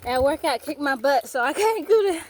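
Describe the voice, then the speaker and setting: A woman's voice: high voice, lively intonation, brisk, darkish tone, slight background noise. Breathless woman vlogging from a bike. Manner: breathless, laughing, playful exclamations. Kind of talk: casual chat while riding a bike. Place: outdoors on a bike on hilly roads.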